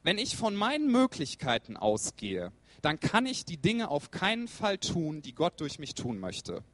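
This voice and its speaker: A man's voice: on the high side, huge pitch swings, measured pace. A man preaching a sermon, who tells funny stories and speaks straight to his listeners with questions. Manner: humorous storyteller. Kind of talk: sermon with personal anecdote.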